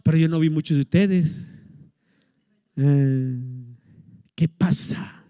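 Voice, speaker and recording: A middle-aged man, preaching a lively sermon with humorous stories and fervent calls to prayer. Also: a little high, slow pace, clear, resonant tone, no echo, clean studio sound. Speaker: pastor.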